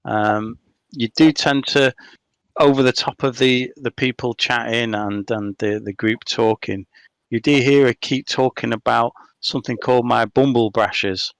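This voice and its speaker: A man narrating as game master in a tabletop game, relaxed and with frequent ums. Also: medium pitch, a little slow, clean tone, no room sound.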